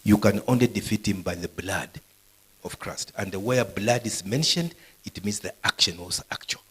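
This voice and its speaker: A man's voice: fairly low pitch, expressive, moderate pace, fairly bright tone, husky, rough recording. A man preaching a live sermon to university students, quizzing the audience with questions as he goes. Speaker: pastor. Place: university gathering.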